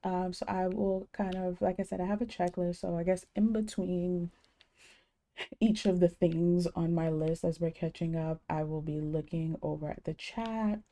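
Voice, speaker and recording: A woman's voice: lowish voice, fairly even intonation, normal speed, dark tone. A young adult woman streaming a game and chatting casually with her viewers, rambling with many ums and greetings.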